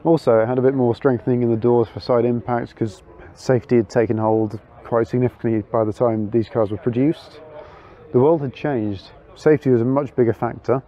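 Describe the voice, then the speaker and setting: A man of middling pitch chats eagerly as he walks around an outdoor car meet, pausing with little fillers while he thinks aloud. The camera audio is slightly dull and lo-fi. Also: fairly even intonation. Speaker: car vlogger. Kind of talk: casual walkaround commentary.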